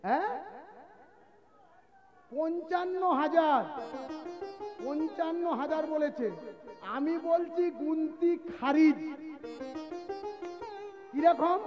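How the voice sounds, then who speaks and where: High-voiced man preaching at a kirtan. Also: dull audio. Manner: asks the crowd rhetorical questions and hushes them. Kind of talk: devotional sermon talk. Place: live devotional gathering.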